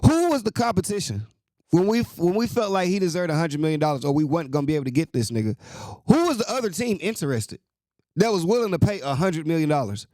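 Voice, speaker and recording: Animated, profane man ranting about sports. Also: fast, no echo. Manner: profane, exasperated ranting with swings in pitch. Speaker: host. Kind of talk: casual sports rant.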